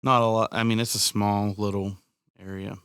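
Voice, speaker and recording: Co-host: lowish man with a gravelly fry, blunt casual talk, dry sound. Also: level tone, normal speed, fairly bright tone, no room sound. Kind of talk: casual interview chat.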